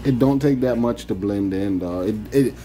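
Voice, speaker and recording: A man's voice: lowish voice, moderate pace, mellow. A man giving blunt, slangy, joking commentary, switching between English and Haitian Creole. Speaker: guest voice-over commentator, cousin of the vlogger. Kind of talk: casual joking running commentary.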